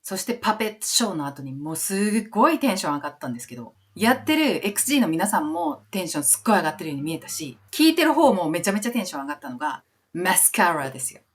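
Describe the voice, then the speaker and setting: A middle-aged woman talks to her viewers in a casual, expressive monologue. Her voice sits a little low but moves up and down a lot. She jumps up high in pitch whenever she acts out someone else's reaction. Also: very fast, hardly any pauses, slightly rough. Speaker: music teacher and vlogger. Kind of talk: casual monologue about a concert.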